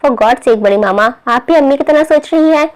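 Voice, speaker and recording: A lazy young man, read by a woman, brushing things off in an offhand, dismissive way. The voice stays a touch high. It is a storybook reading. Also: moderate pace, close to an everyday voice.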